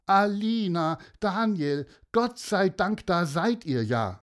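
A man's voice: high voice, very animated, normal speed, darkish tone, voice pushed up. A man voicing a worried, caring mother in an audio storybook, anxious and scolding.

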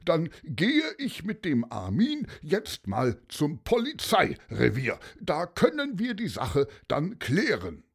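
A man voicing a calm, polite former policeman who soothes a crowd with hesitant fillers. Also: on the high side, takes it slowly, creaky, hardly any pauses, breathy edge, voice pushed up, full character voice. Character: calm older ex-policeman, kindly mediator.

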